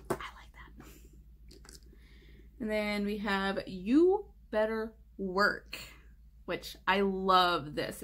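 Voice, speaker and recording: A young woman vlogging casually about her makeup collection, chatty, with many "like" fillers and soft whispered asides. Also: medium pitch, slight background noise. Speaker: beauty vlogger.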